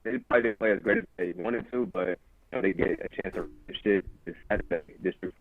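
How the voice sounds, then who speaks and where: A man's voice: on the low side, huge pitch swings, quick pace, vocal fry, husky, no echo. A man co-hosting a sports show with casual game analysis over a staticky, tinny remote connection. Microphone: remote call over internet link.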